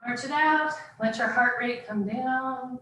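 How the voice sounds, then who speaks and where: A woman's voice: high voice, measured pace, fairly bright tone. A woman fitness instructor leading a live group workout class, giving short, encouraging cues and countdowns. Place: indoors, live video call class. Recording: echoey room, far from mic, faint noise.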